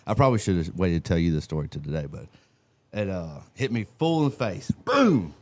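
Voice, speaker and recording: A man co-hosts a casual live stream. His voice is very deep, yet it leaps around in pitch as he talks. He tells stories in a colorful, animated way. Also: quick pace. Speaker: co-host.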